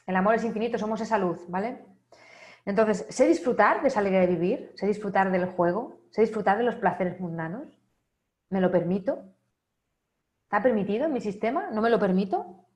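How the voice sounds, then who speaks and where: A woman giving a motivational talk at a wellness congress, leading listeners through a string of rhetorical questions and often checking in with a quick "right?". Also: mid-range voice, a little mellow. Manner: asks many rhetorical questions, often ends with a checking "¿vale?". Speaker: speaker at an online wellness congress. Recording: echoey room.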